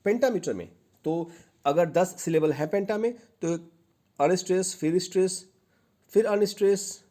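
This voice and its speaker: Speaking Hindi peppered with English terms, a male literature teacher patiently works through an exam-prep lecture and repeats what matters most. His voice is high and mellow.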